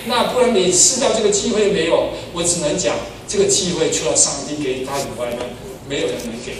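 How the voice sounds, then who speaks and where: Older pastor preaching in an echoey hall. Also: male voice, fairly high pitch, fast talker. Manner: animated storyteller, swings from loud exclamations to soft asides. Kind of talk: sermon with personal stories. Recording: echoey hall, far from the mic, noisy.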